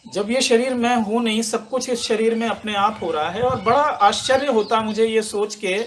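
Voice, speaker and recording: A man's voice: on the high side, a bit bright, slight background noise. Emotional man telling a spiritual story. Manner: slow, reflective and emotional, with many pauses and fillers. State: moved to tears at times. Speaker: meditation teacher. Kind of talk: personal spiritual testimony.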